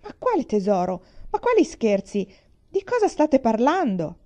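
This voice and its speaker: A woman voicing a flustered male store director who shouts in shrill panic, read aloud as part of a story. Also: sing-song, slow pace, husky, exaggerated voice. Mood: panicked.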